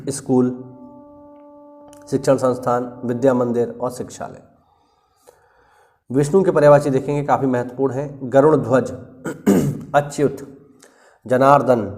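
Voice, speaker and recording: A male teacher giving an exam-prep lesson, working slowly through lists of words and often clearing his throat. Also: medium pitch, darkish tone. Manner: slow, deliberate listing with frequent "ठीक है" check-ins.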